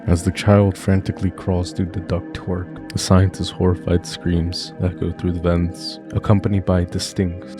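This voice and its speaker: Deep flat-voiced man narrating horror. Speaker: YouTube narrator. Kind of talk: scripted horror story narration. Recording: music playing behind.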